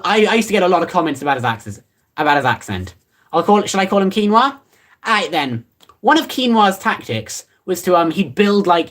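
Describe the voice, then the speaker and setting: Casual streamer with an animated, up-and-down delivery. Rambles offhand, dry and teasing. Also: mid-range voice. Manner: rambling and offhand, many fillers and restarts. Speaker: livestreamer. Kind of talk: casual livestream chat, reading comments.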